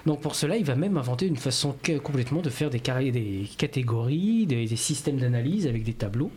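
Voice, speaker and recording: Male radio columnist, explanatory, filler-heavy, mid pitch, slight noise. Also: lively intonation, a little fast, darkish tone. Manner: explanatory, many "en fait" fillers. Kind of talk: radio talk segment.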